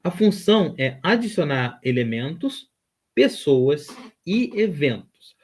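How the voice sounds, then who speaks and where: A man's voice: on the high side, very animated, takes it slowly, a little mellow. A man teaching a Hebrew grammar lesson, explaining patiently, repeating terms and checking in with the class.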